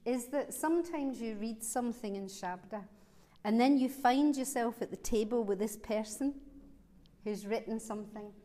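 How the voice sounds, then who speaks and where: A woman's voice: medium pitch, dark tone. A woman with a broad Glaswegian Scottish accent gives an informal Dharma talk, telling stories in a conversational, wryly humorous way. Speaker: Buddhist teacher giving a talk. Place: large reverberant hall, speaking to a gathering. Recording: long hall reverb.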